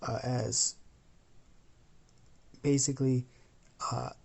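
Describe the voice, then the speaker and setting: A man's voice: mid-range voice, steady tone, drawn-out words, gravelly, a little mellow, breathy edge. A sleepy young man rambling as he narrates a fan-fiction story, full of fillers and restarts.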